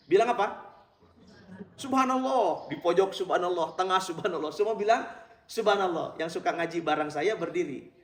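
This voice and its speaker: A middle-aged man with a somewhat high voice gives a religious lecture in a mosque hall, telling lively stories and often speaking directly to his audience as Pak and Bapak Ibu. The recording is very echoey, with the mic placed far away.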